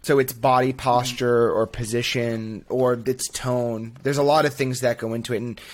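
Casting: male podcast co-host, reflective and hedging, medium pitch, easygoing. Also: level tone, moderate pace. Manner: thoughtful, hedging, self-deprecating humor. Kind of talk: casual podcast chat.

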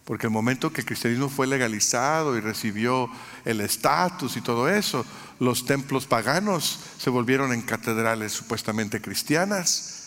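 A man's voice: medium pitch, animated, normal speed, fairly bright tone. A man from Mexico preaching a sermon in an earnest way, building lists of phrases and sometimes restarting his words. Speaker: pastor. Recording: long hall reverb.

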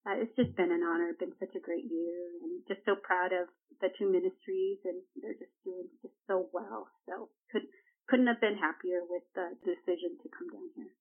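A woman's voice: lowish voice, steady tone, normal speed. A woman in her thirties, originally from El Salvador, talking earnestly and reflectively as an executive director in an interview, with frequent fillers. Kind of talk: conversational interview. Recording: tinny phone-like line.

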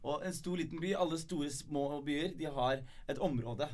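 A young man from Norway, a guest comedian, telling stories in a casual podcast chat with playful bravado. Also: a little high. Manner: animated storyteller, playful bravado.

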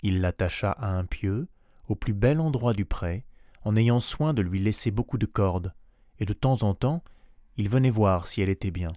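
A man reads a classic tale aloud, measured and expressive, slowing down on key phrases. His voice sits low, and the recording is dry, with no room sound. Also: dry recording. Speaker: narrator.

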